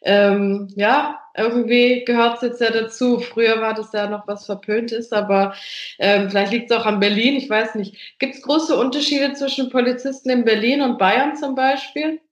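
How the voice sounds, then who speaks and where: A woman's voice: on the high side, steady tone, normal speed, roomy sound, highs cut off. A woman interviewer asking questions in a chatty, personal way. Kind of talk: conversational interview.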